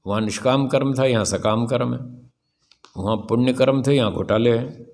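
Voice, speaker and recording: A man's voice: medium pitch, moderate pace, darkish tone. A man in his sixties, a swami, giving a spiritual discourse in a firm, rhetorical manner and putting questions to his listeners. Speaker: swami teaching scripture.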